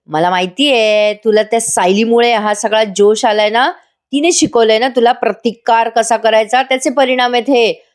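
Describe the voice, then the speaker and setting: Scheming male villain, read by a woman, taunting, threatening, a little higher than her usual tone. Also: steady tone, moderate pace, close to an everyday voice. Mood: menacing. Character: scheming middle-aged male villain, menacing husband.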